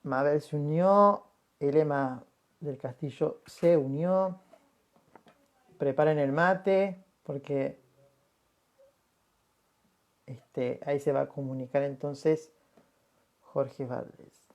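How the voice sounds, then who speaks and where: A man with an Argentine Spanish accent hosts a casual livestream interview, speaking slowly in a friendly way with many fillers. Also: on the high side. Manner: friendly, slow-paced, filler-heavy. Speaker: livestream host.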